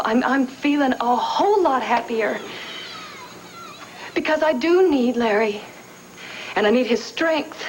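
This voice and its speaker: A woman's voice: high-pitched, a little hiss or hum, poor audio. An actress playing an earnest woman explaining her decision with heartfelt sincerity in a soap opera. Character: grateful young woman, earnest and relieved.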